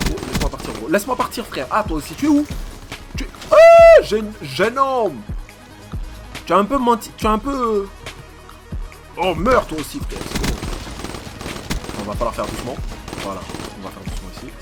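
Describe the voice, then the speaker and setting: A man giving excitable, slangy live commentary over his own gameplay as a YouTuber, swearing often and talking at his opponents. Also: on the high side, fast talker, loud music behind the voice. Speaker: gaming YouTuber.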